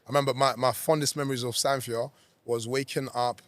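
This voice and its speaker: A young man from Zambia, chatting as an interview guest and laughing often. His voice sits at an ordinary middle pitch, and the recording is dry and close. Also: level tone, a little fast, fairly bright tone, dry recording. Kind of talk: casual interview chat.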